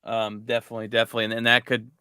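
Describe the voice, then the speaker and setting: A male podcast host with a bright, forceful voice that comes through smooth and crisp. He chats casually about sports, restarting phrases as he goes. The sound is dry and close. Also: lowish voice, monotone, rapid-fire, no echo. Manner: conversational, often restarts phrases.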